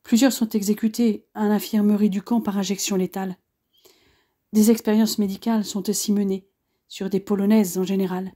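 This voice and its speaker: A woman narrates a first-person audiobook with a measured, earnest delivery. Her voice is mellow and dark-toned, and her pitch sits in an ordinary middle range. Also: level tone.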